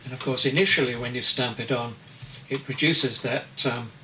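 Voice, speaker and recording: A man in his eighties, an artist answering interview questions in a slow, deliberate way as he searches for his words. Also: medium pitch, steady tone, bright, forceful tone. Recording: distant mic with faint noise.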